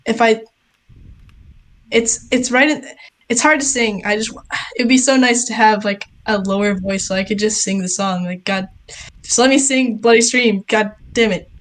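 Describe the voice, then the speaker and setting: A young woman co-hosts a student podcast, rambling through a casual chat full of fillers and giggles. She has a medium-pitched voice and a moderate pace.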